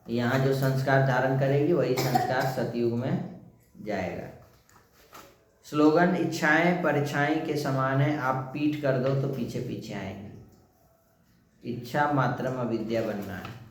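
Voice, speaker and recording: A man's voice: medium pitch, measured pace. A man explaining a daily spiritual lesson as a teacher, asking questions and answering them himself. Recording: very echoey room, faint noise.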